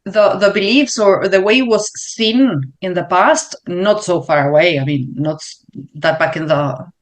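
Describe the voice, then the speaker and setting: Uruguayan woman explaining slowly, searching words. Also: lowish voice. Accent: Uruguayan Spanish. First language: Spanish. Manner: thoughtful, searching for words with fillers. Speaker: learning consultant guest. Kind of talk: interview answers.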